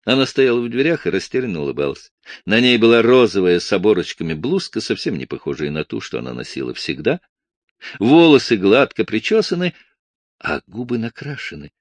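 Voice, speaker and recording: A man with a very deep voice narrates an audiobook, his intonation rising and falling widely. The recording is close and dry, with no room sound. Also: very animated, brisk, no echo.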